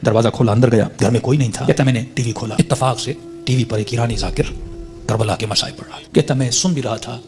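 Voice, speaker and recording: A man's voice: medium pitch, music in the background. A man preaching, telling a religious story as a sermon in a dramatic way, his voice swelling on the emotional peaks.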